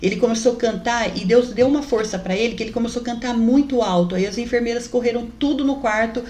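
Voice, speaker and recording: A woman's voice: on the high side, fast talker, darkish tone. A woman giving an emotional faith testimony as a mother, fervently addressing listeners as brothers. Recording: roomy echoey recording.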